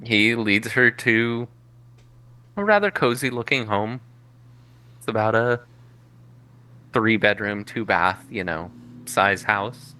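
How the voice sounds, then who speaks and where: A man narrating as game master in a relaxed, descriptive way, thinking aloud. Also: on the low side, slow, pauses often, smooth.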